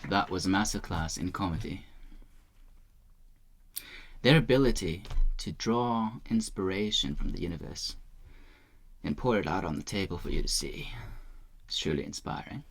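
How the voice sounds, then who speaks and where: Low-voiced male reaction host, sarcastic and scornful, overblown praise. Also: normal speed, creaky, pauses often. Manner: mock-reverent, sarcastic, scornful.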